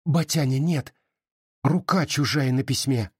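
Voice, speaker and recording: A man reading an audiobook voices a frightened young peasant daughter, hurried and anxious, with a husky tone. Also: medium pitch, a little mellow, no echo, studio quality, voice pushed up.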